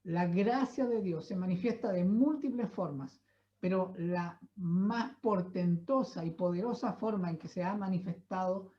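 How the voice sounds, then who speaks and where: A woman giving a Bible teaching sermon at a church, in a measured, reflective way, often checking in with tag questions and pauses. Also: fairly low pitch. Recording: slightly dull, muffled recording.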